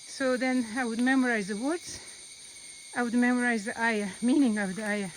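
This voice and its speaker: While walking a rainforest trail, a woman whose first language isn't Arabic teaches about the Quran in an earnest, unhurried vlog, repeating phrases for emphasis. Her voice is fairly high and steady at a normal pace, in a low-quality recording with a little hiss or hum.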